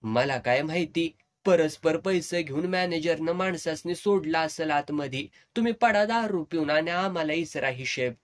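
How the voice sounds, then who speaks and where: A man's voice: fairly high pitch, normal speed, close to an everyday voice. A man voicing a quarrelsome male troupe partner who snaps back defensively. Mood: defiant.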